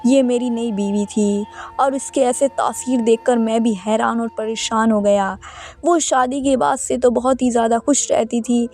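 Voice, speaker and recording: A woman's voice: a little high, darkish tone, faint music behind. A woman reading an emotional first-person story aloud as a storyteller, telling it from a husband's side. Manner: reads a first-person tale in a man's voice. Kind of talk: scripted story narration.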